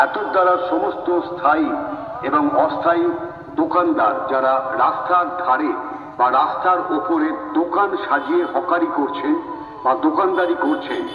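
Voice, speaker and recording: Male public announcer, West Bengal Bengali accent, formal megaphone delivery, distant with long reverb. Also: fairly high pitch. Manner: loud, deliberate public-address delivery, as through a megaphone. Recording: muffled, distant loudspeaker with echoing reverb.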